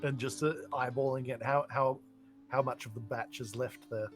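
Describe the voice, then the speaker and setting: A man's voice: medium pitch, fairly even intonation, normal speed, faint music behind. A man chatting casually as a player in a tabletop game.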